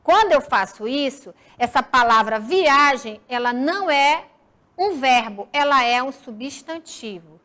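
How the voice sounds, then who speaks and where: A woman from the region of Brazil, a teacher giving a recorded school lesson, talking slowly and deliberately and drawing out words for her students. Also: high-pitched, animated, pushed and bright.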